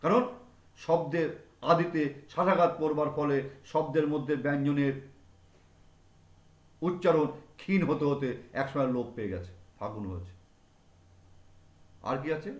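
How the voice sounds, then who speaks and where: A man's voice: fairly high pitch, normal speed, pauses often. A male teacher giving a classroom grammar lesson, repeating example words over and over to drill them in. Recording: echoey room.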